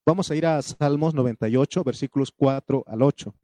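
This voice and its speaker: Fervent preacher man, mellow voice. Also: medium pitch, no room sound. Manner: fervent, calls out questions to the congregation, punctuated with amen; reads scripture aloud in a raised, drawn-out voice. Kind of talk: sermon.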